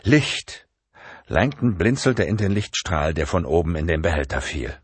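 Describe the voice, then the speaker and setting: A man's voice: low-pitched, sing-song, measured pace, breathy edge, no echo. A man narrating a thriller audiobook in a tense, dramatic reading.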